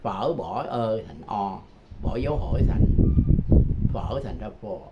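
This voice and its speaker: An older man giving a casual, chatty English lesson, repeating phrases slowly and chuckling often. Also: on the low side, expressive. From Vietnam. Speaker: English tutor. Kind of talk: casual self-made language lesson. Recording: dull lo-fi sound with loud background noise.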